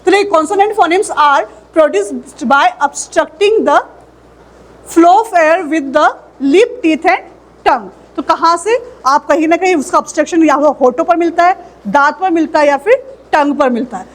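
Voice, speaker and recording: A woman teaching an English phonetics lesson, explaining patiently and saying model words slowly for learners to repeat. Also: sits high.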